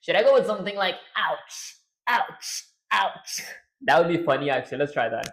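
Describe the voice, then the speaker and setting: On a rough-sounding stream recording, a man who develops games talks to himself at a racing pace in a fairly high voice. He's easygoing as he works, but his throat is strained and he's lightheaded.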